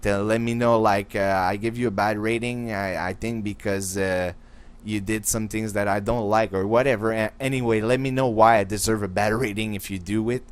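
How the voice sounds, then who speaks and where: A young man talks over his game footage in a relaxed, rambling way, full of fillers and restarts. His voice sits on the low side and sounds smooth and resonant. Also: normal speed. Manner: casual, rambling, filler-heavy talk. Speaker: gaming channel host. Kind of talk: gameplay commentary voice-over.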